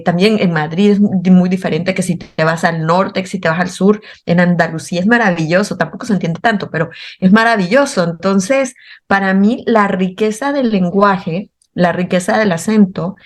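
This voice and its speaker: A woman from Nicaragua with a Nicaraguan accent, talking as a guest author in a casual interview, effusive and expressive. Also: mid-range voice.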